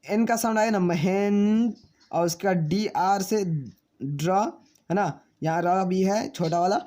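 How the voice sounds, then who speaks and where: A man teaching a spelling lesson, spelling names out slowly letter by letter and answering his own questions as he addresses viewers as friends. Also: sits high, dark tone.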